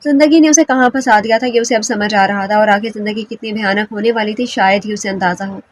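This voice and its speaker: A woman reading a romance novel aloud as an audiobook narrator in steady storytelling. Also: mid-range voice, fast. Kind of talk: scripted narration.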